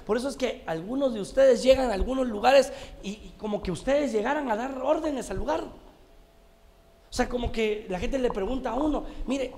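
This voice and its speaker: A man's voice: very high-pitched, moderate pace, creaky, darkish tone. A man preaching a televised sermon, telling anecdotes and calling his listeners brothers. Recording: long hall reverb.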